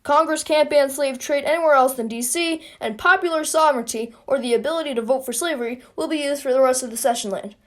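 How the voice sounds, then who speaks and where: High-voiced, sarcastic young woman narrator. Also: quick pace, few pauses. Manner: sarcastic, playful. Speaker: video creator. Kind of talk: comic history explainer narration. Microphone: phone.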